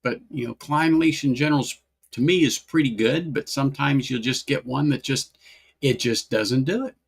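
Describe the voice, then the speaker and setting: On a laid-back whiskey livestream, the host speaks in a gravelly, creaky voice of medium pitch at a moderate pace. He rambles, repeats phrases and welcomes people in the chat by name.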